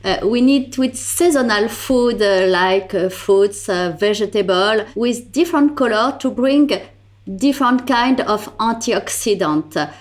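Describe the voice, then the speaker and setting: A woman with a French accent, a nutritionist speaking carefully in a panel discussion over a video call, with hesitant English and many fillers. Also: mid-range voice.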